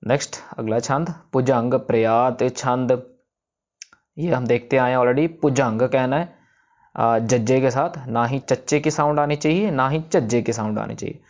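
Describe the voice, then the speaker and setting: Male recitation teacher; patient, methodical, sounds words out slowly; mid-range voice. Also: mid-range voice. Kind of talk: explaining pronunciation of scripture.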